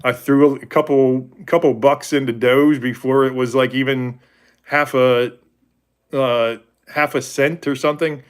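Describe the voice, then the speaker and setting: A man's voice: medium pitch, steady tone, a little slow, clear, resonant tone. A man in his forties hosting a livestream, talking about faith with viewers in a rambling, candid way that often restarts and corrects itself. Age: 40s. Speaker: livestream host. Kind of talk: casual faith talk with viewers.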